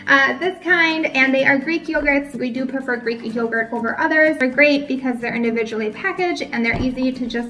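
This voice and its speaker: A woman in her thirties from Minnesota, USA, vlogs from a bright room at home, chatting to the camera while holding up products one by one in a casual show-and-tell. Her voice is high and sharp, brisk, with few pauses.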